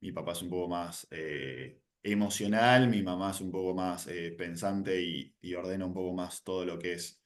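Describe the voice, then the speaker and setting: A man in his twenties with an Argentine accent, a nutritionist guest explaining his views in a relaxed way with many fillers. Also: sits low, moderate pace, hardly any pauses. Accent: Rioplatense Spanish. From Buenos Aires, Argentina. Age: 20s. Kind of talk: sit-down interview.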